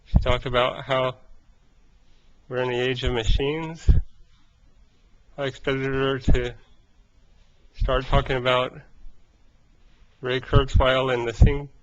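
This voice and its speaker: A man records a casual video diary update in a slow, halting voice. He is short of breath and breaks sentences into small pieces, with very little melody. The sound is dull and lo-fi. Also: mid-range voice, little pitch movement. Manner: halting, speaking in short broken phrases. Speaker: vlogger.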